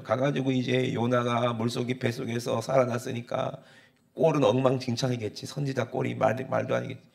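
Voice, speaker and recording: A man's voice: medium pitch, gravelly. A male pastor from Busan preaching a sermon, with a Gyeongsang accent. He talks conversationally to the congregation, prompting responses and acting out the characters' lines with rising intensity. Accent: Busan Gyeongsang dialect.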